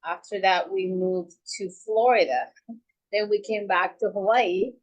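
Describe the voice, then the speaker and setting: A woman from Peru chatting as a guest, soft-spoken and hesitant, with many fillers. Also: mid-range voice, fairly even intonation, a little slow, rough recording. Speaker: guest, real estate agent. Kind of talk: casual chat.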